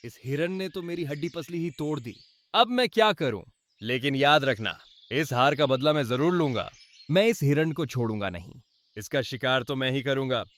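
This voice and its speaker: A man's voice: mid-range voice, expressive, normal speed, fairly bright tone, close to an everyday voice. A man voicing a cunning, vengeful male wolf in a cartoon, talking in a scheming, menacing way.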